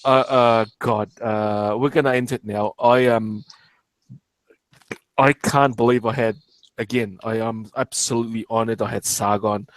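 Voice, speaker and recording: A man from Portugal hosting a casual online stream chat, halting and full of fillers and restarts. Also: fairly low pitch, steady tone, no room sound. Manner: hesitant, many fillers and restarts. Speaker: stream host.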